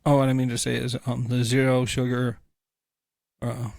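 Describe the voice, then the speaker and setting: A man's voice: medium pitch, completely flat delivery, moderate pace, gravelly, darkish tone, no echo, clean studio sound. Easygoing man joking on a podcast. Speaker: podcast co-host. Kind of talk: casual chat. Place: home room.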